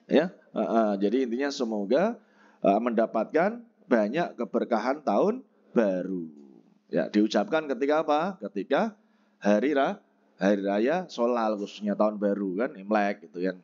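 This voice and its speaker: A man teaching a Korean textbook lesson, explaining pronunciation and slowly repeating each word for practice. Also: lowish voice, very animated, darkish tone, lo-fi sound.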